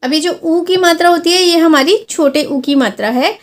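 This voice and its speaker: A woman's voice: very high voice, normal speed. A woman teaching a Hindi lesson on vowel signs, explaining each one patiently and drawing out sample words to show the long and short sounds. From India.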